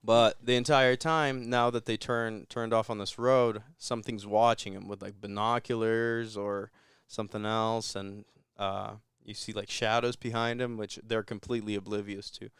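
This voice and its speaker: Low, smooth-voiced man recapping casually. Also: flat delivery, normal speed, few pauses, fairly bright tone, no room sound, clean studio sound. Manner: rambling, laid-back movie recap with chuckles. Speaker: podcast co-host. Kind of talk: casual chat.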